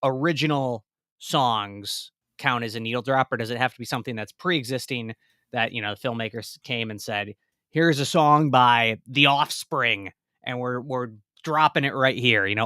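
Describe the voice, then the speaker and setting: A man's voice: medium pitch, moderate pace, bright, forceful tone, clear, resonant tone, no echo, studio quality. A man co-hosting a podcast in casual discussion, thinking aloud in a tentative way. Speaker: podcast co-host and guest.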